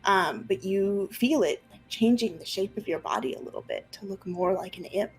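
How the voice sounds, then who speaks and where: A woman's voice: medium pitch, lively intonation, normal speed, rough recording. Woman game master improvising over faint music. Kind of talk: narrating an online tabletop roleplaying game. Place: room at home, on a group video call.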